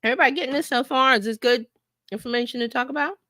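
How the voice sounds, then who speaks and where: A marketing coach teaches casually on a live stream, animated and conversational, often acting out imagined remarks and checking in with her listeners. Her voice is high and rapid-fire. The sound is studio quality with no room sound.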